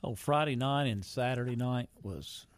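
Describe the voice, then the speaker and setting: Casual co-host on talk radio. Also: male voice, mid-range voice, moderate pace. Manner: casual, opinionated, chatty.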